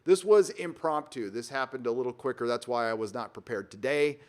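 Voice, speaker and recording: Male livestream host, casual and off the cuff, emphatic delivery with lots of restarts, mid-pitched voice. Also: brisk. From Southern California. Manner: emphatic, rambling, with frequent restarts. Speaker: livestream host reading viewer donations. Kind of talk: casual live-stream commentary. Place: rented vacation home while on the road.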